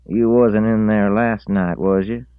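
A man voicing a rambling old drifter with a drawl, pitched up high above his own voice and hollering. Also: fairly even intonation, a little slow, clean tone, dry recording, phone-quality sound, lightly acted. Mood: knowing.

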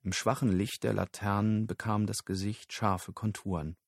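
A man narrating an audiobook in a steady, measured storytelling voice. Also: on the low side, gravelly, no room sound, clean studio sound.

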